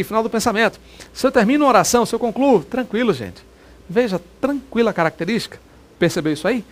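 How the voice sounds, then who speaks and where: A Brazilian man teaching Portuguese grammar in an exam-prep video lesson, chatty, repeating examples and checking that students follow. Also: sits high.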